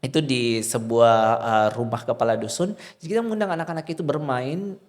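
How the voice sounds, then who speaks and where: Young man from Indonesia, animated podcast guest, mixes in English, mid pitch. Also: a little fast. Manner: animated, acts out children's voices, mixes in English. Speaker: guest, literacy program founder. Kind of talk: podcast interview.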